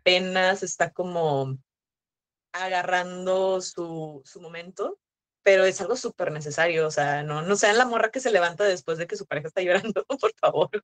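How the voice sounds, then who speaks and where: A woman's voice: fairly low pitch, moderate pace. A woman with a Mexican accent, a sex educator talking as a podcast guest, telling stories casually with lots of slang and fillers. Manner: chatty storytelling full of slang and fillers. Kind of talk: casual chat.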